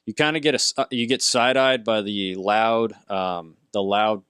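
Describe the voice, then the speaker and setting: A man's voice: lowish voice, fairly even intonation, moderate pace, a bit bright, clear, resonant tone, no echo, studio quality. A young man narrating a tabletop game as game master, rambling and hesitant with fillers.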